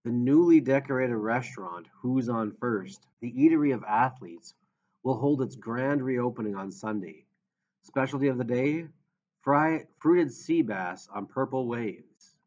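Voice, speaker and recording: A man's voice: medium pitch, measured pace, close to an everyday voice. A man voicing a drunk woman who speaks in a thick, slurred voice, in a storybook reading. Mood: tipsy proud. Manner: slurred, loud and showy. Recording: dull lo-fi audio.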